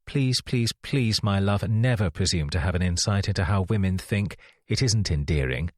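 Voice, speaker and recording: A man's voice: low voice, animated, moderate pace, no room sound, studio quality. A man doing an enthusiastic sociable husband. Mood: gently teasing. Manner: enthusiastic, gently teasing. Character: warm enthusiastic young husband, sociable book lover.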